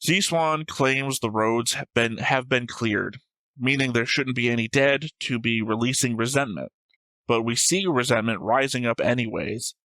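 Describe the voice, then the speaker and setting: This man hosts an anime reaction show, and his voice is very bright and forceful at a middle pitch, moving at a normal pace. The low-quality recording is close and dry with no room sound, as he casually argues plot theories, thinking out loud and cursing freely.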